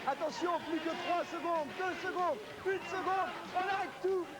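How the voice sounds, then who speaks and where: Excited, high-pitched French male game commentator. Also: moderate pace. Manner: raised, urgent, projected. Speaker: game show host commentating. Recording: music under the voice. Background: prominent music.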